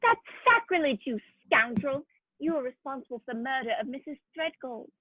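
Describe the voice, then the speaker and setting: A woman acting as an earnest, loyal doctor sidekick in a vintage-style radio drama. The voice is high and proper, heard on thin, phone-like audio. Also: sing-song, a little fast, dry recording. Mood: indignant. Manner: proper, earnest, old-fashioned exclamations. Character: earnest, indignant male doctor, the detective's loyal companion. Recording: tinny, phone-like, dry audio.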